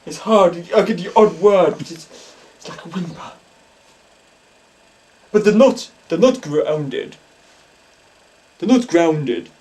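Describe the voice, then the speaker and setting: A man playing a hammy spoof psychic medium who speaks in halting, dramatic whispers and gasps in a comic mock documentary. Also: high voice, animated, a little mellow, distant mic. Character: hammy male stage psychic, breathy and theatrical.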